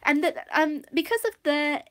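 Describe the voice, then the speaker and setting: A high-pitched woman from Wales chatting through a livestream show review. She rambles, loses her thread, and fills the gaps with ums and restarts as she goes. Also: moderate pace, a bit bright. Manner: rambling, distracted, many fillers and restarts. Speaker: livestream host. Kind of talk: casual live review chat.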